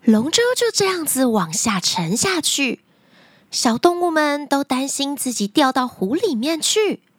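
Woman children's storyteller, expressive scripted narration, slow and very lively, recorded dry and close. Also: high-pitched, dry recording.

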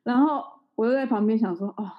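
A woman's voice: on the high side, quick pace. Chatty woman telling a story, lo-fi. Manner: chatty storytelling, laughs often. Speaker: podcast co-host. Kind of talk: casual chat. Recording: slightly dull lo-fi recording.

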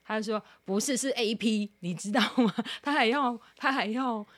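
A woman from Taiwan with a fairly high voice chats casually as a podcast co-host. She tells stories with lots of animation, slips into other people's voices and laughs often. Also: moderate pace. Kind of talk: casual chat.

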